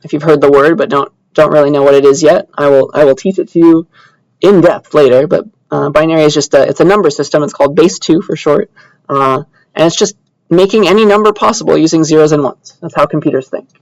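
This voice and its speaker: In a rough recording with no echo, a fairly high-pitched man talks a little quickly while casually teaching computer science. He keeps the tone conversational and often checks in with tags like "all right" and "yeah."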